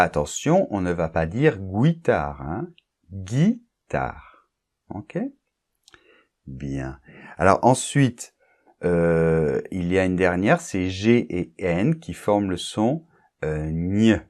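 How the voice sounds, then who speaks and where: Teaching how to pronounce French, this man speaks in a low, slightly mellow voice. He goes over example words again and again with patience, frequently making sure the listener keeps up.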